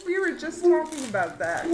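High-voiced laid-back young woman. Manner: laid-back, laughs often. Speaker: podcast co-host. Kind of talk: casual chat. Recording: echoey room with loud background music.

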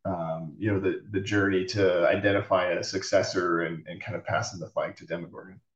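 A man with a low voice hosts an interview, asking slow, encouraging questions. He sounds set back from the microphone in a roomy space. The audio is dull and lo-fi. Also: flat delivery, distant mic. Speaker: podcast host. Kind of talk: casual interview.

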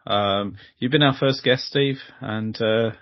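A man hosting a podcast, talking in a relaxed way with lots of pauses and fillers. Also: mid-range voice, dull audio. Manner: relaxed, laughing, hesitant with fillers. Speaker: podcast host. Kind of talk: casual podcast chat.

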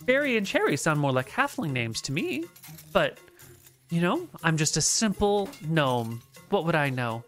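A woman voicing a tiny, chirpy, excited female gnome shopkeeper in a tabletop game, gushing politely in a little voice. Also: low voice, normal speed, faint music behind, voice pushed up.

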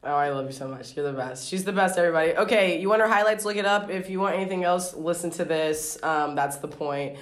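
A woman's voice: on the low side, quick pace, few pauses. A woman hosting her podcast in casual chat, rambling with lots of fillers and giggles. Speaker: podcast host. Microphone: remote call.

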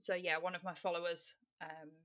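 A woman speaks on a podcast in a voice that is fairly low yet bright and forceful. Her manner is measured and reflective, with many ums. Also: level tone. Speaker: podcast co-host. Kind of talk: casual chat.

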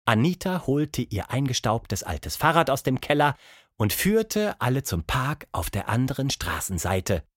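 A man reads a children's story aloud with lively, swinging intonation. His voice sits in a middle register and the recording is close and dry. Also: a little slow, no room sound. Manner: expressive, voices characters with pitch jumps. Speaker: narrator. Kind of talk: scripted storybook narration.

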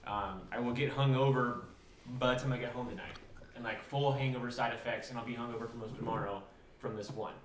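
A man's voice: medium pitch, fairly even intonation, fast, reverberant, distant mic, slight background noise. A man talking candidly and casually on a podcast, swearing freely. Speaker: podcast co-host. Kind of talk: casual chat.

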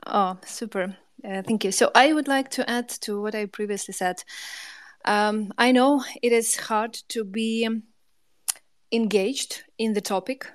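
A woman's voice: on the high side, unhurried, no room sound. A woman, speaking informally and hesitantly in in an online discussion. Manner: hesitant, non-native English with restarts. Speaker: panel participant.

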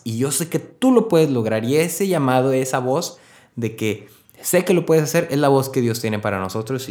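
A man preaching an informal sermon, with conversational, animated storytelling. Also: medium pitch.

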